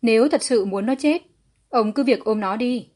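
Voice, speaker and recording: Cool young healer, read by a woman: curt and cold, mellow husky tone. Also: a little high, unhurried. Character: cool, self-assured young female healer.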